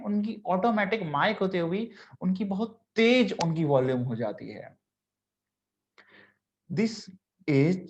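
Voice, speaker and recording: Man teaching public speaking, lo-fi. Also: on the high side. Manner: mixes Hindi and English, repeats key points. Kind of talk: online masterclass lecture. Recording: dull lo-fi recording with faint noise.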